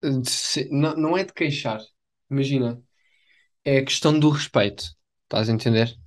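A man's voice: medium pitch, moderate pace. A young man chats casually as a podcast co-host, using slang and repeating himself for emphasis. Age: young adult. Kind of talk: casual chat.

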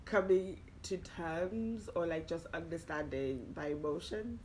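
Hesitant young woman, lowish voice. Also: unhurried, darkish tone, slight background noise, rough recording. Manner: hesitant, many fillers, breaks into laughter. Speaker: podcast co-host. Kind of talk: casual chat.

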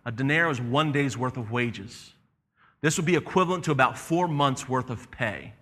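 A man preaching a sermon as pastor, animated and conversational, acting out the voices in the story he tells. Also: mid-range voice, moderate pace, long reverb tail.

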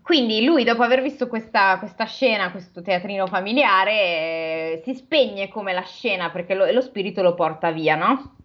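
A woman's voice: mid-range voice, moderate pace. A woman host reading a classic novel aloud and breaking off for casual, joking asides. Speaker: podcast host and reader. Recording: dull lo-fi sound.

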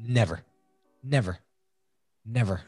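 A man talking as a podcast guest, telling his own story in an animated, excitable way. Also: fairly low pitch, slow, breathy edge, no room sound, clean studio sound, faint music behind. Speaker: podcast guest, design agency founder. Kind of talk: casual storytelling interview.

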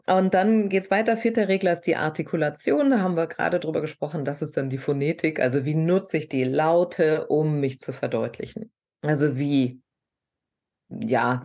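A middle-aged woman from southern Hesse, a voice coach, explaining things in an animated, teacherly way as a guest in a podcast interview. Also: low voice. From southern Hesse, Germany.

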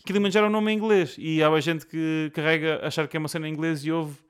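Young man, European Portuguese accent, lightly raised pitch, rapid slangy delivery, repeated phrases, casual co-host chat. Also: fairly even intonation, clean tone. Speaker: podcast co-host. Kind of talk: casual chat between friends.

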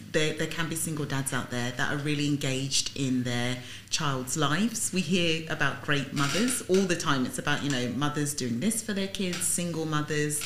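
A woman's voice: sits low, fairly bright tone, slight background noise, low-quality recording. A woman interviewing a guest in a casual, conversational way as a podcast host. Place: studio.

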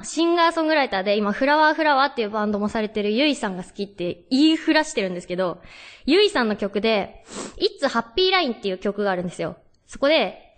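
Young female radio host, high voice with lively swoops, chatty storytelling delivery. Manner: chatty storyteller, reads listener mail. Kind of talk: radio talk show chat.

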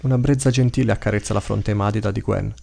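Low, gravelly male storyteller. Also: fairly even intonation, quick pace, a little mellow, a little hiss or hum. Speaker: narrator. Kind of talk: scripted storybook narration.

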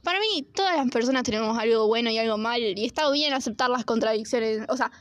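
A woman's voice: a little high, fast talker, a bit bright, dry recording, studio quality. A young woman with a Rioplatense accent, co-hosting a casual podcast, speaking in a blunt, crude, opinionated way. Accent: Rioplatense Spanish. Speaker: podcast co-host. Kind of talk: casual chat.

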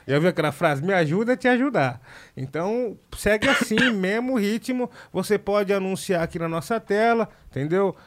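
A man's voice: fairly high pitch, fairly bright tone. A man hosting a podcast, upbeat and slangy, talking straight to the listeners. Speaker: podcast host. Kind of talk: casual podcast chat.

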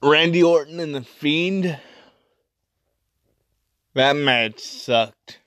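A man hosting a casual solo podcast review, speaking in halting, terse, choppy phrases. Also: on the high side, a bit bright, dry recording. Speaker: wrestling podcast host.

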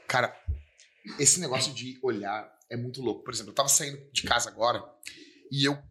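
A man, a pastor chatting on a podcast, telling stories with animated repetition for emphasis. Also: mid-range voice, a little fast. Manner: animated storyteller, repeats lines for emphasis. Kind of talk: casual podcast chat.

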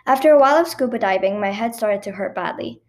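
A woman reading her own personal story aloud in a lively, expressive way, with a few small stumbles. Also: medium pitch, fast talker.

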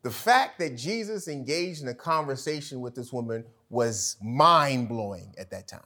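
A man preaching a sermon as pastor, emphatic and casual, swinging from loud peaks to hushed drops, with fillers and self-corrections. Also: mid-range voice, expressive, normal speed. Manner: preachy, emphatic, rising to loud peaks and dropping to near-whispers.

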